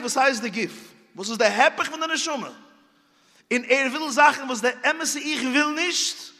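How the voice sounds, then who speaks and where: A man's voice: sits high, pushed and bright. A man preaching a sermon, telling stories and repeating phrases for emphasis. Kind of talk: sermon with storytelling. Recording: long hall reverb.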